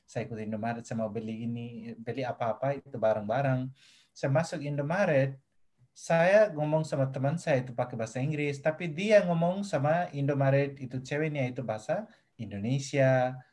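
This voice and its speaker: Young man, halting speech. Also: medium pitch, a little mellow. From Nepal. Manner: halting, hesitant, mixing in English phrases. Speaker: guest. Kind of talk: casual interview chat.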